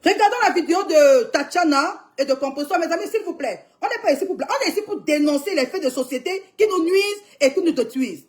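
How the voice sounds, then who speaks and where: A woman's voice: very high-pitched, expressive, quick pace, few pauses. A young woman commenting emphatically on a live stream, urging viewers to watch, with frequent cries to God. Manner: exclamatory, calling on God.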